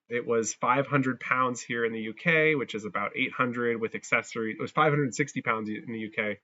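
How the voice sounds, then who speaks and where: A man's voice: medium pitch, pushed and bright, highs cut off. Man with crunchy distorted audio. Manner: chatty, thinks aloud while clicking through steps. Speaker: tutorial creator. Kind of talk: casual screen-recorded software tutorial. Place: abroad, working on a laptop.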